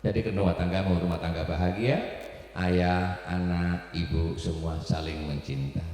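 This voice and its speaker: A man giving a humorous sermon as a preacher, animated and playful. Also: sits low, moderate pace. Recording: echoey hall, far mic, faint music.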